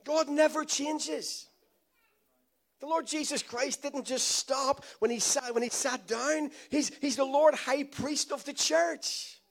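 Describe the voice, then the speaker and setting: A pastor with a very high-pitched, gravelly voice preaches a sermon at a slow pace. His delivery is emphatic, full of repeated phrases and calls to the congregation in call-and-response style.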